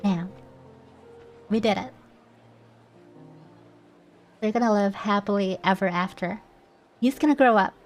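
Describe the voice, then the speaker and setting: A woman's voice: medium pitch, normal speed, soft background music. A young woman streaming a game, chatting casually, giggling and reading lines aloud. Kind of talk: casual gameplay commentary.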